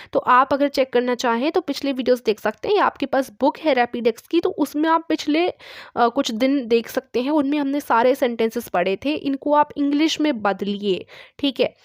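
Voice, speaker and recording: In clean studio audio free of room sound, a young woman whose voice sits high teaches English online with an Indian accent. Each test item gets a patient explanation followed by "ठीक है" as a check-in.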